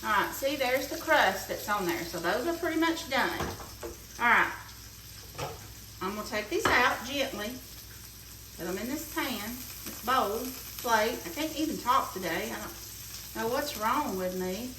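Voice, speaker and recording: A fairly high-voiced woman talks her viewers through a recipe in a chatty, homey way. She sounds a little away from the mic in a roomy kitchen, with frying and sizzling clearly heard behind her. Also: animated, unhurried, distant mic, background noise. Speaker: cooking show host. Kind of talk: casual cooking demonstration. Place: home kitchen. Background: frying and sizzling pan.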